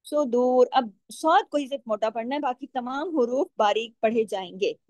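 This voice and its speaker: Female tajweed teacher, high voice, close and dry sound, patient question-and-answer delivery, slow drawn-out recitation of examples. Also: darkish tone, no room sound. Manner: patient, asks questions and answers them herself; stretches out recited words slowly. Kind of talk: step-by-step tajweed lesson.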